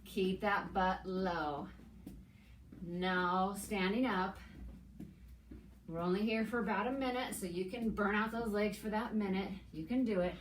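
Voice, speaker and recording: A middle-aged woman coaching an exercise class as an aerobics instructor, calling cues and counts with steady encouragement while she works out. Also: mid-range voice, unhurried. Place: indoors, plain room with hard walls. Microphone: camera several meters away. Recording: echoey room, distant mic, background noise.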